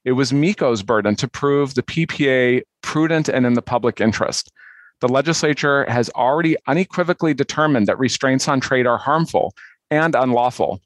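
A man's voice: mid-range voice, fairly quick, dry recording. Man arguing formally, in a dry recording. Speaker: appellant's attorney. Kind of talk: formal oral argument.

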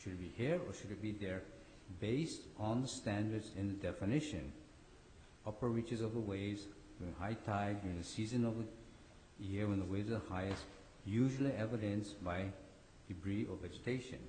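A man with a hoarse, cold-affected voice giving a formal oral argument as an attorney in court. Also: fairly low pitch, moderate pace, warm tone. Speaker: attorney arguing for respondents. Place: large echoey courtroom. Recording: echoey hall, faint background noise.

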